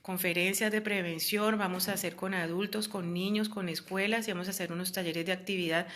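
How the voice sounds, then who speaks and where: A woman's voice: lowish voice, fairly even intonation, fairly quick, fairly bright tone. A woman, talking earnestly and casually as a host, with many fillers and quoted voices. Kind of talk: casual talk about psychological abuse.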